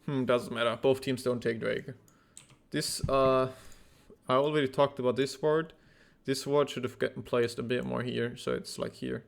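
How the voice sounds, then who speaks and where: A man reviews a game replay as a coach, talking bluntly and teasing the player. His voice has a gravelly edge and sits at an ordinary middle pitch. He is slightly out of breath as he talks. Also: steady tone, moderate pace. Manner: blunt, teasing, thinks aloud with fillers. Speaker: esports coach.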